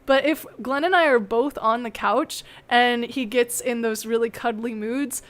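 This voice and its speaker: Chatty young woman hosting, slightly high. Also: measured pace. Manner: chatty, giggly, animated storytelling. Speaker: host. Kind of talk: casual chat.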